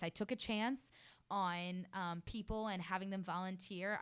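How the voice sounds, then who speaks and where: A woman's voice: lowish voice, clear, resonant tone. A young woman in her early twenties from New Jersey, a fashion student telling her story in a radio interview, earnest and effusive with many fillers. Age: early 20s. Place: radio studio.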